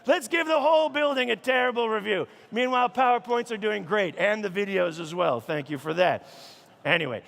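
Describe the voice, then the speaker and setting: A high-pitched, gravelly-voiced man gives a comedy keynote. His delivery swoops wide and lands mock-outraged punchlines. His voice rings out with a long reverb in a big conference hall. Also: brisk, a bit bright. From Chicago, United States.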